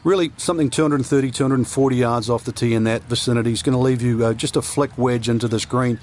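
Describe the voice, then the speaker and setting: A man's voice: medium pitch, steady tone, quick pace, a little mellow. A man giving conversational golf commentary as an analyst, explaining the shots and the course. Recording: clear outdoor background noise.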